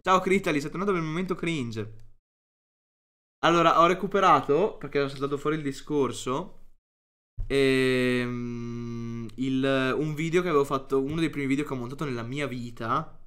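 A man's voice: medium pitch, moderate pace, a bit bright, clean tone. A young man doing casual, profane, self-mocking stream commentary.

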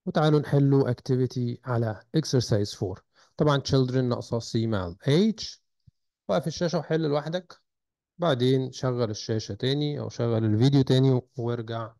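A man's voice: mid-range voice, normal speed, darkish tone, dry recording. A man with an Egyptian Arabic accent, teaching a recorded textbook lesson and spelling out sounds and words carefully. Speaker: English teacher.

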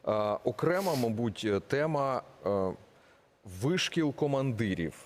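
A man's voice: medium pitch, big pitch swings, measured pace. A man interviewing a guest, asking polite, hesitant questions full of fillers.

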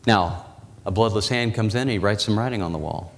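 A man in his forties preaching a sermon in a church, walking the platform and slowing down, dropping his voice low for dramatic emphasis. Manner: walks the platform, gesturing as he preaches. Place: church sanctuary. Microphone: lapel mic and pulpit mic. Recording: church hall reverb.

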